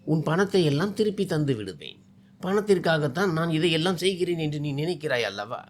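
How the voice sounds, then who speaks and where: A man's voice: fairly high pitch, very animated, a little fast. A man voicing a hurt, stubborn young woman in a spoken story, speaking sharply through tears. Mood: defiant.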